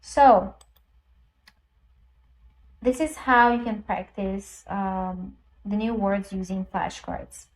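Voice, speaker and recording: In this casual screen recording, a language teacher whose native tongue is Persian explains an app one step at a time, filling gaps with ums and uhs. She speaks slowly and steadily at a medium pitch, pausing often, over poor audio.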